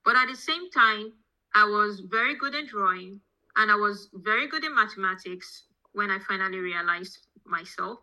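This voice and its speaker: Telling her background in a conversational podcast interview, the guest is a petroleum engineering professor with a Nigerian accent whose voice is strikingly bright and forceful with a keen edge. She speaks in a mid-range voice with lively intonation at a moderate pace, and the audio is poor.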